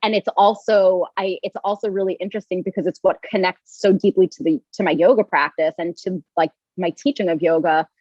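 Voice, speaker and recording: A woman's voice: fairly low pitch, steady tone, fairly quick, few pauses, a little mellow, dry recording. Young woman guest rambling, lots of likes and restarts, muffled dry sound. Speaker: podcast guest, yoga teacher and coach. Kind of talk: casual interview chat.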